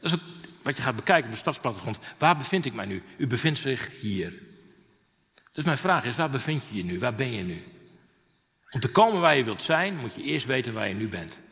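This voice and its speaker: A male preacher telling a story from the pulpit, swinging between animated rises and quieter moments. His voice is bright and forward, and it rings out with a long hall reverb. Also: mid-range voice, brisk, creaky. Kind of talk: sermon.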